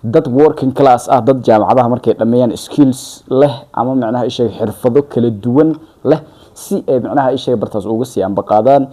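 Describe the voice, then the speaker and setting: A Somali man gives news commentary in a very dark, mellow voice. He talks quickly and wordily, circling back to rephrase his points. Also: mid-range voice.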